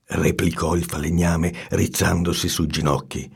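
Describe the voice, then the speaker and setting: Gravelly man reading a storybook aloud. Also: sits low, unhurried. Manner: expressive, animated narration. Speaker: narrator.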